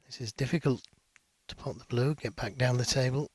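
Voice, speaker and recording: A man giving hushed live snooker commentary in a measured, analytical and understated way. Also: mid-range voice, slightly rough, no room sound.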